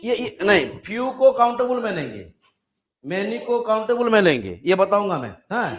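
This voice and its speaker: High-voiced man teaching a grammar class. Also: very animated, moderate pace. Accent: Indian English. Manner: explains with many examples, checks understanding often.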